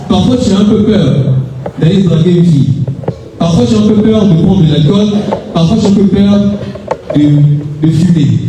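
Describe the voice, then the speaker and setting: A young man preaching at a youth seminar, asking the crowd questions and calling for amens, sometimes rising to a shout. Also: high-pitched, slight background noise. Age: young adult. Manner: rises to shouts at times. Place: large echoey hall. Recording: echoey hall, voice from far off.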